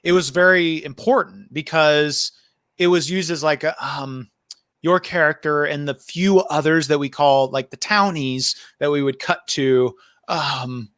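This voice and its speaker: Man, filmmaker host of a livestream, fairly high voice, rambling with lots of fillers, dry close sound. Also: steady tone, normal speed, fairly bright tone, no echo. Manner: rambling, many fillers and restarts. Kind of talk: casual livestream chat.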